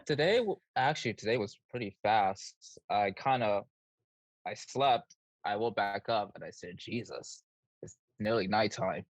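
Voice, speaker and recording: A man's voice: fairly low pitch, animated, unhurried, no echo. Laughing man telling stories on a podcast. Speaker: guest co-host. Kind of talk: casual storytelling.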